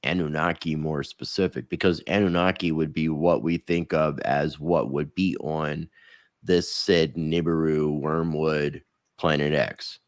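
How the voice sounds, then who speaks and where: A man's voice: very deep voice, steady tone, unhurried, no room sound, studio quality. A man speaking as a guest in a casual conversation, with a sarcastic, joking manner. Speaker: guest, online video creator.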